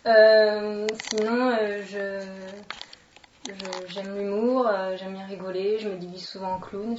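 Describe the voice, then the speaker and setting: A French woman from France in her late twenties, an actress and children's entertainer, gives a casual self-introduction in an interview, thinking aloud informally and hesitantly. Her medium-pitched voice is a little mellow. The recording is noisy, dull, and roomy, with the mic somewhat distant.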